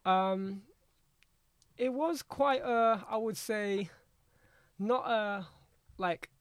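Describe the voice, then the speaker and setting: A man with a high voice and drawn-out words tells stories casually in slang, repeating his phrases as a podcast guest. He has an urban London roadman accent, and the talk is relaxed conversational storytelling in a dry recording.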